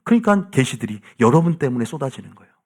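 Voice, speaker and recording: A male pastor preaching a sermon from the pulpit, shifting from soft asides to loud, emphatic calls to the congregation. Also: medium pitch, very animated, fast talker. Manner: asks the congregation "믿습니까?" again and again. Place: church sanctuary, from the pulpit.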